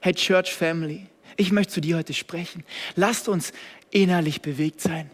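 A young German man preaches a lively sermon, jumping between loud, energetic calls and hushed, intimate asides. His voice sits high. The sound rings out with a long hall reverb. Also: normal speed. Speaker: pastor.

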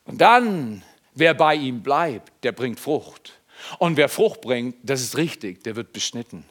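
A man preaching a sermon, swinging between quiet reflection and loud, emphatic passages. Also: medium pitch, very animated, measured pace.

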